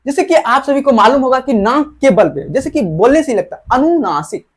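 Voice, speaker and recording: A woman teaching a grammar lesson to school students, explaining slowly, drawing out example vowels and posing rhetorical questions to the "dear children". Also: high-pitched, lively intonation. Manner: drags out example vowels when demonstrating.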